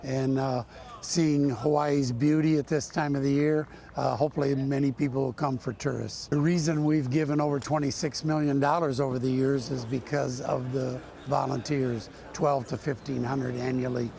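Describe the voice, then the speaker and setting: A man tournament director answering interview questions in a halting way, pausing often with ums. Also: mid-range voice, steady tone, vocal fry, warm tone.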